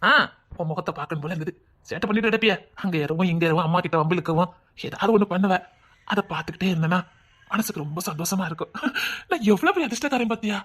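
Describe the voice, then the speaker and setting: A woman's voice: on the low side, lively intonation, quick pace. A woman with a Tirunelveli Tamil accent playing a doting young husband who fondly teases his wife. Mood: affectionate. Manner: fond, chatty, teasing.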